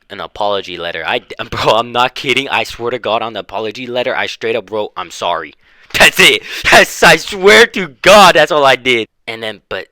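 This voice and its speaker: Casual storyteller: young man, bright forceful voice, dry close sound, slangy and profane. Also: mid-range voice, dry recording. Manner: slangy, profane, laughing while telling.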